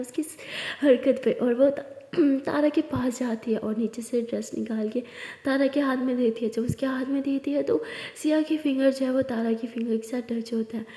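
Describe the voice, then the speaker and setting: A young woman narrating a romance story in a hushed, breathless telling. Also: sits high. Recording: roomy reverberant room.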